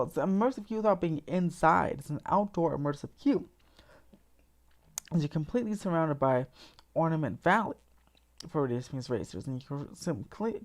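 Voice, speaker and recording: A woman with a notably deep voice hosts a relaxed theme park livestream. She talks in an eager, rambling way, restarting her sentences and laughing softly. She sounds a little sleepy. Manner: chatty and enthusiastic, frequent restarts and small laughs. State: sleepy, yawning. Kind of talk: casual livestream chat.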